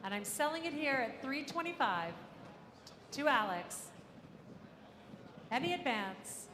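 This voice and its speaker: Female auctioneer, high voice, repetitive live bid calling, big reverberant room with clear background noise. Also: sing-song, measured pace. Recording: echoey hall, ambient noise.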